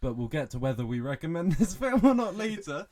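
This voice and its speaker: A man co-hosting a podcast, retelling movie scenes in an animated, incredulous way. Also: on the high side, fairly quick. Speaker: podcast co-host. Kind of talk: casual film review chat.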